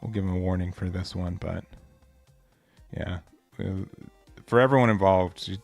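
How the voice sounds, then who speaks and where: Laid-back male stream host, deep gravelly voice, rambling casual tournament commentary, light music underneath. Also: moderate pace, darkish tone, no room sound. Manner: laid-back, rambling, self-mocking asides.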